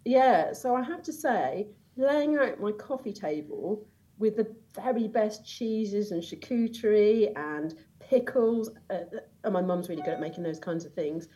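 A woman's voice: medium pitch, animated, a little slow, dark tone, poor audio. Woman guest, enthusiastic and giggly, rambling casual chat. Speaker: podcast guest.

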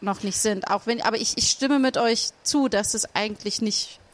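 A woman's voice: on the high side, normal speed. Woman musing with lots of restarts. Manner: thinks aloud with many fillers and restarts. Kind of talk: casual discussion.

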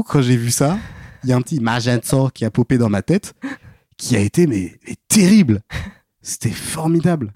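Here a twentysomething man appears as a podcast guest, telling casual stories while hesitating, using fillers and restarting often. He has a warm, medium-pitched voice, recorded dry with clean studio sound.

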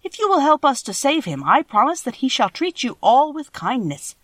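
Woman acting out an earnest, lively scarecrow man. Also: sits high, moderate pace, dry recording, voice pushed up, exaggerated voice. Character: earnest, courteous male living scarecrow. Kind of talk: storybook character voice.

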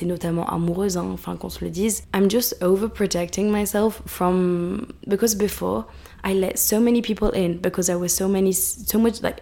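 A woman's voice: mid-range voice, vocal fry, mellow. A woman in her twenties hosting a podcast from her apartment, chatting casually and reflectively, slipping between French and English. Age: 20s. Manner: switching between French and English mid-sentence; reflective, confiding. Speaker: podcast host. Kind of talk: casual chat.

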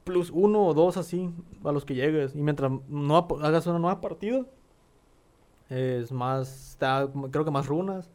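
A man's voice: a little high, normal speed, a little mellow. A young man with a northern Mexican accent, chatting casually about video games in slangy, profane speech.

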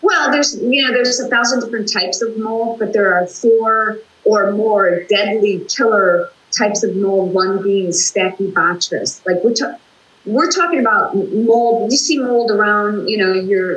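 An older woman, an author and fitness instructor, speaks earnestly in a casual video-call interview from her home office. Her medium-pitched voice is a little slow and a bit bright, and she's chatty, often restarting her sentences, in an echoey room.

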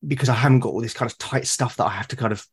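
In a casual interview conversation, a British man who is an artist and podcaster speaks in rapid-fire fashion with a husky, mid-range voice. He is hesitant, frequently repeating words as he starts each sentence.

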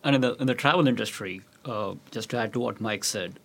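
A man's voice: on the low side, a little fast, gravelly, a bit bright. A man speaking as a panelist, emphatic and often checking in with "okay". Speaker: panelist on travel industry. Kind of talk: panel discussion.

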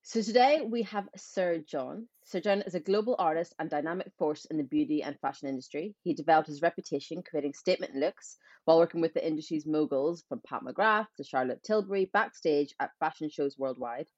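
Low-voiced woman reading an intro. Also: brisk, few pauses, darkish tone, dry recording, highs cut off. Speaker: podcast co-host.

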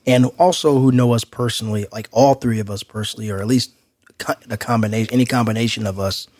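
A man's voice: fairly low pitch, steady tone, quick pace, darkish tone, dry recording, clean studio sound. A man co-hosting a podcast in casual chat, talking in loose street slang with an outgoing manner. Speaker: podcast co-host.

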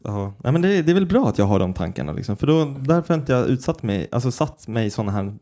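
A man co-hosting a podcast, chatting casually and telling stories with lively acted-out quotes. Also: mid-range voice. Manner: animated storytelling, acts out quoted voices. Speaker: podcast co-host. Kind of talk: casual chat.

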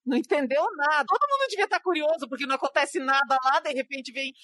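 Woman, high voice, rapid emphatic remarks, dry close sound. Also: expressive, pushed and bright, no room sound. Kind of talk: casual chat.

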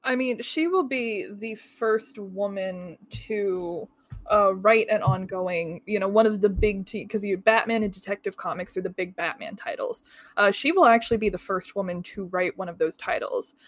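A woman's voice: medium pitch, moderate pace, no room sound. A woman co-hosting a casual podcast chat, talking frankly and swearing casually. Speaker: podcast co-host.

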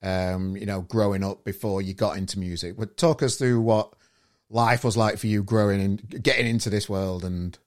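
A man's voice: lowish voice, fairly even intonation, normal speed. A man hosting a podcast in casual chat, rambling and stumbling over his questions. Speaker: podcast host.

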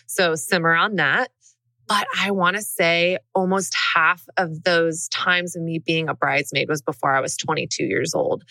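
A woman's voice: fairly low pitch, pushed and bright, no room sound. A woman in her thirties from Texas, hosting a solo podcast in a candid, chatty, confessional way from a studio. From Dallas, Texas. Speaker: podcast host. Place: recording studio.

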